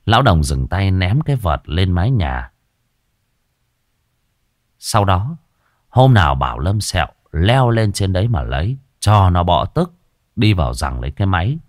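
A man narrating a story in a lively, expressive way. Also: deep voice, moderate pace, pauses often, no echo, studio quality.

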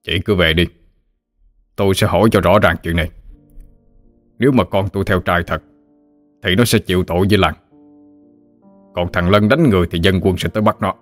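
A male storyteller voicing a stern, measured older village father. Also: low voice, fairly even intonation, no echo, faint music behind, close to an everyday voice.

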